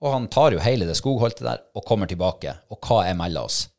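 Lively man telling a story. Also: lowish voice. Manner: animated, acts out his own thoughts and shouts. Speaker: podcast co-host, hunting dog handler. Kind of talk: casual storytelling chat.

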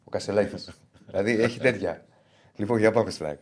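A man hosting a casual sports betting podcast, plugging the channel and bantering upbeat. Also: lowish voice.

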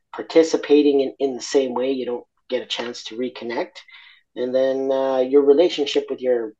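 Speaking as an interview guest, this man from Argentina is candid and reflective but halting, often restarting and using fillers. He has a medium pitch and a warm tone, captured with lo-fi sound.

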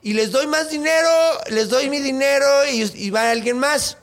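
A man's voice: very high-pitched, moderate pace, a bit bright, voice pushed up. A man voicing a panicked king who stammers and pleads to save his daughter, with a Mexican accent. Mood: pleading.

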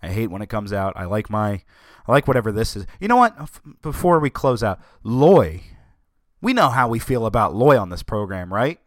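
A man's voice: on the low side, lively intonation, moderate pace, no room sound, clean studio sound. A man hosting his own podcast, ranting sarcastically and sounding exasperated and very tired. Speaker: podcast host. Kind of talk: solo podcast rant.

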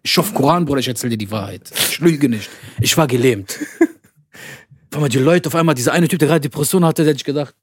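A young man telling a story in casual chat, animated, acting out the lines of the people he quotes. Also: mid-range voice, fast, breathy edge, dry recording, studio quality. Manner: animated, acts out interrogators' lines, says Bruder. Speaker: podcast guest telling his story.

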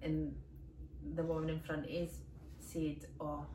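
Scottish woman, comic podcast co-host, low-set voice, rambling anecdotes, phone mic in an echoey room, faint hiss. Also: little pitch movement, unhurried, mellow, far from the mic. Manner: rambling storyteller, laughs often. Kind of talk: casual comedic chat.

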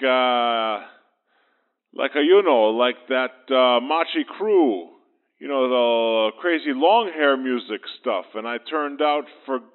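A man rambles through a voicemail over a landline phone, stalling on every other word. He talks slowly, and the tinny phone line squeezes his voice thin. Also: mid-range voice, smooth. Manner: rambling, halting, full of fillers. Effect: heard over a landline phone. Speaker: phone-in caller. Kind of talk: voicemail message to a radio show.

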